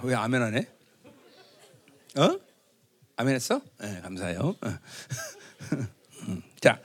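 A man's voice: medium pitch, wildly swooping pitch, slow, breathy edge. A middle-aged man preaching a Christmas sermon as pastor, chatty with his congregation, often asking them to agree, and acting out boastful proclamations. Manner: conversational, teasing the congregation with tag questions; acts out loud proclamations in a raised voice.

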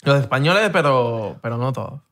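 A man's voice: medium pitch, animated, a little fast, fairly bright tone. A man from Venezuela with a Venezuelan accent, co-hosting a podcast in playful, slang-filled casual chat. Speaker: podcast co-host.

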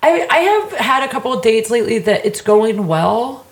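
A woman's voice: on the high side, big pitch swings, moderate pace, echoey room. A woman chatting casually and candidly in informal, slangy language, with lots of "like".

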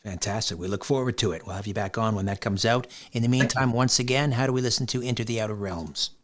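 A man's voice: fairly low pitch, quick pace. A man hosting an interview, wrapping it up with brief, courteous prompts and thanks. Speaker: host. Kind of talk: interview host wrap-up.

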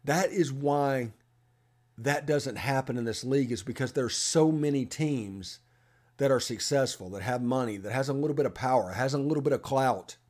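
A man's voice: medium pitch, moderate pace, a little mellow. A man who hosts a sports podcast, giving emphatic opinions and reading an ad. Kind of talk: opinionated sports talk and host-read ad.

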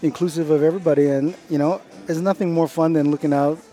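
A middle-aged man, a chef, talking about his restaurant in a relaxed, unhurried way with lots of fillers. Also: fairly high pitch, soft background music. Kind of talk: casual interview chat.

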